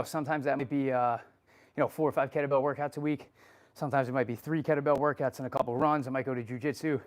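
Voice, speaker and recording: A man answering live chat questions while working out at home, out of breath, casual and swearing freely. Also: a little high. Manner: casual and profane, laughing often. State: out of breath from exercise. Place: home workout space.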